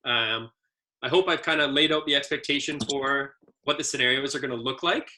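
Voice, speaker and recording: Bright-voiced man giving ski training talk. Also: medium pitch, a little fast. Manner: easygoing storyteller with many fillers. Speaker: adaptive ski instructor trainer. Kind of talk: casual training presentation.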